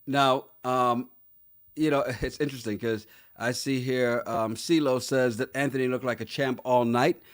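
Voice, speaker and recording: A podcast co-host with a mid-range voice talks at normal speed in a steady tone during a casual reality-show recap. He laughs a lot and acts out quotes as he chats.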